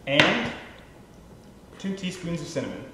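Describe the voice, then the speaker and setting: High-voiced playful cooking show host. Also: male voice, sing-song, measured pace, heavy reverb, heavy background noise. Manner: chatty, playful and upbeat, addressing viewers directly. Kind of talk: scripted cooking demonstration. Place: kitchen.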